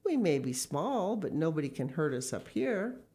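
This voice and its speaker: A woman reading the parts of outspoken, excitable young boys in a children's story, in exclamations. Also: deep voice, normal speed. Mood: wondering.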